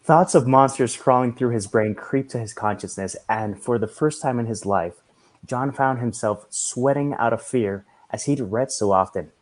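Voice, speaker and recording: A man reading a story aloud in a measured storytelling manner. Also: mid-range voice. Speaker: reader.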